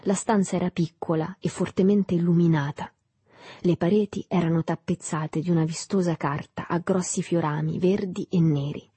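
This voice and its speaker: A woman reads a literary novel aloud in a calm, measured voice. Her voice is lowish and husky. The recording is dry and close, with no room sound. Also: dry recording. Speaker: audiobook reader. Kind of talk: literary audiobook narration.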